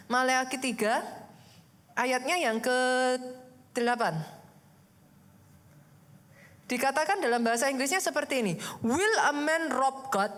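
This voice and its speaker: A woman pastor, preaching a sermon in a lively, conversational way full of rhetorical questions. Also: sits high. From Indonesia.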